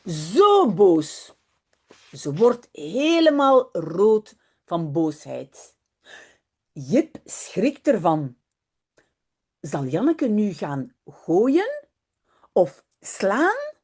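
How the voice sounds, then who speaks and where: A woman language teacher who reads a story clearly and deliberately aloud, then explains words with quick asides. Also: medium pitch, wildly swooping pitch.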